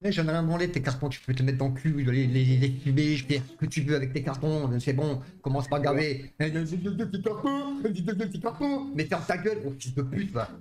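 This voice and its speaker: A man's voice: a little high, quick pace, few pauses, darkish tone. A man in heated, slangy banter, curt and irritable, swearing often and repeating himself.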